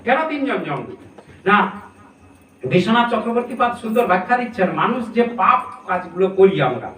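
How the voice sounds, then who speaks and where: A man's voice: high voice, a bit bright. A man preaching a scripture sermon, explaining step by step and asking his listeners rhetorical questions. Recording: echoey room, distant mic, faint noise.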